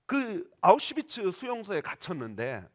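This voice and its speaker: A man's voice: high voice, wildly swooping pitch, moderate pace. A male pastor preaching a sermon in a church, dramatic and questioning the congregation as he acts out quoted voices. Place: church sanctuary.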